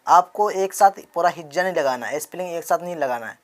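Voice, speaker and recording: A man teaching Quran reading, quickly explaining each rule and then chanting slow, drawn-out letter drills for the listener to repeat. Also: a little high, animated. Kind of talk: spoken lesson with recitation drills.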